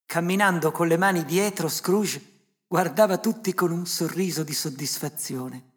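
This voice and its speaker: A narrator reading a classic story aloud in an unhurried, measured way. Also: medium pitch, husky. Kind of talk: audiobook storytelling. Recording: glockenspiel music behind.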